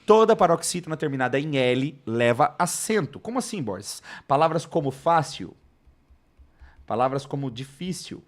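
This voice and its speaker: A man with a Brazilian Portuguese accent teaching grammar in a live online lesson. He is expressive and keeps asking himself questions and answering them. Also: fairly high pitch, moderate pace. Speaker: Portuguese teacher for exam prep.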